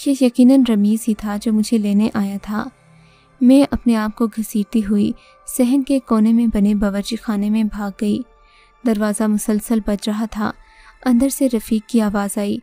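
A woman's voice: mid-range voice, warm tone, no room sound. Dramatic woman narrating horror. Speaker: storyteller. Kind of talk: scripted first-person horror narration. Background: faint music.

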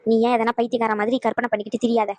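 A woman's voice: fairly high pitch, little pitch movement, a little mellow, no echo, close to an everyday voice. A woman doing a fiery old village grandma. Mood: scolding. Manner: scolding, quick and fiery. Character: sharp-tongued elderly village grandmother. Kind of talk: cartoon voice acting.

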